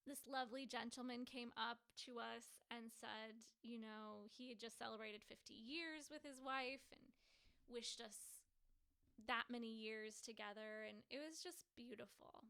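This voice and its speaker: A woman in her forties chats sleepily through a personal story, rambling with plenty of fillers. Her voice sits fairly high and bright, with a smooth, clear tone and a gravelly fry at the ends of phrases. She tells it like an unscripted vlog. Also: measured pace. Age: 40s. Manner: rambling, chatty, many fillers. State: sleepy, yawning. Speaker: healing coach.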